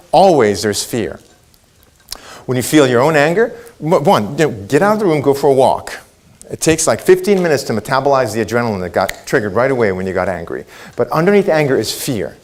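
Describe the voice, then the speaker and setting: Lively man giving a keynote talk. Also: a little high. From Israel. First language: Hebrew. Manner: lively, audience questions, acts out quotes. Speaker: keynote speaker. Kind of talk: motivational keynote.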